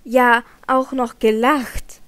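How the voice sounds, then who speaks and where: In an audiobook, a woman reads a jealous young nobleman, heated and pleading. He pushes his words out loud and insistent, in a voice pitched fairly high. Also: little pitch movement, slow pace. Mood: angry accusing. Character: young male nobleman, jealous lover, agitated. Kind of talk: audiobook character reading.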